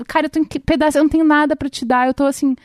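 A Brazilian woman in her thirties with a slightly high voice tells a long personal story. She talks casually and rambles through fillers and restarts. The sound is dry and close, with no room around it. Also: steady tone, racing, darkish tone, no room sound. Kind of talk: casual chat.

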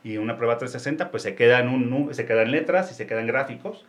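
A man with a Mexican Spanish accent speaks as an executive coach in a relaxed interview. He explains things step by step, restarting his phrases and checking in with short tag questions. His voice sits at an ordinary middle pitch for a man. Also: very fast. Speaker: executive coach, company founder. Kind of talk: casual interview talk.

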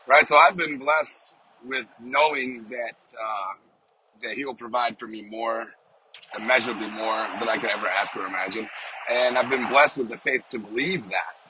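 A man with a smoker's voice giving an informal, off-the-cuff devotional, speaking haltingly and repeating phrases for emphasis inside a car. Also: mid-range voice, sharp tone, slight background noise, low-quality recording. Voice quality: smoker's voice with occasional cough. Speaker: podcast host giving a devotional. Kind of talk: informal off-the-cuff sermon and prayer. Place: inside a parked small car.

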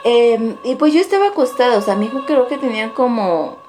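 A woman's voice: on the high side, big pitch swings, brisk, music in the background. A young woman, telling a personal paranormal story in a casual, rambling way full of restarts and asides. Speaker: caller sharing a paranormal story.

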